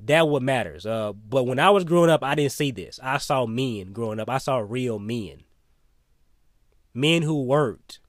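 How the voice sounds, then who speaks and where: A man's voice: medium pitch, dry recording, studio quality. A man delivering a solo opinion monologue in a blunt, emphatic way, sometimes swearing. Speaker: opinion commentator.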